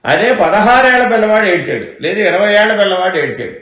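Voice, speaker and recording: A man's voice: high-pitched, sing-song, fast, a bit bright. A man giving a question-and-answer spiritual discourse as a teacher, keeping his listeners engaged with rhetorical questions. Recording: echoey room.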